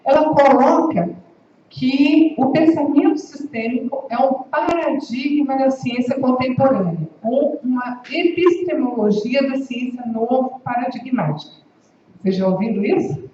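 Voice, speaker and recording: A woman's voice: sits high, a little slow, dark tone. Woman lecturing in an echoey hall. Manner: conversational, often checking in with listeners. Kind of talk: university lecture. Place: university lecture room. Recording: echoey hall, distant, dull, faint hiss.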